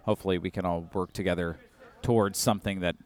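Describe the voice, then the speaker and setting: A man co-hosting a casual politics podcast, talking in an upbeat, clear and opinionated way. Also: sits low, fairly even intonation, fast talker. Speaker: podcast co-host.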